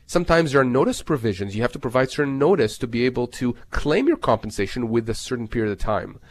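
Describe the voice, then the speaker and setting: A man's voice: mid-range voice, fast. Man explaining things with emphasis. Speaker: lawyer, expert guest on a legal advice show. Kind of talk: explanatory legal advice talk.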